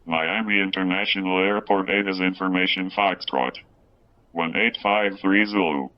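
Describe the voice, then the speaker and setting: A man reading a recorded airport weather broadcast in steady, clipped aviation phraseology, heard as a playback. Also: low voice, moderate pace, dull audio. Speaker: airport information broadcast reader.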